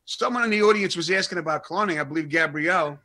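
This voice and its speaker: High, bright Brooklyn comedian. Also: male voice, fast. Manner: rambling, excitable, with lots of "I mean". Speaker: comedian co-host. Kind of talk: casual interview chat.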